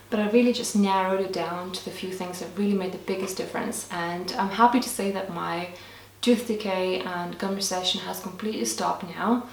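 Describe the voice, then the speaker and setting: A young woman, Lithuanian by first language, chats earnestly to camera answering viewers' questions, occasionally restarting. Her medium pitch is recorded from afar in an echoey room with slight background noise, her voice off-mic in this casual Q&A.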